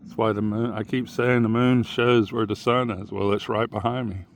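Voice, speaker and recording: A man's voice: lowish voice, flat delivery, moderate pace, slight background noise. A man vlogging in a rambling, plain-spoken monologue as he walks outdoors, musing and drifting from one thought to the next. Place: outdoors on a muddy tidal shore.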